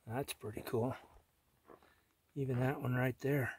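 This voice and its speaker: A middle-aged man vlogs as he hikes a rocky desert trail outdoors, chatting casually, pointing things out, and easily impressed. His mid-range voice is steady and unhurried, with background noise behind it.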